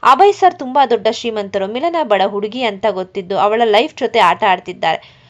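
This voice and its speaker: A woman's voice: medium pitch, expressive, moderate pace, natural voice. A woman reading the lines of a scheming male office boss who feigns honesty, falsely earnest, in a dull lo-fi recording. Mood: feigned concern.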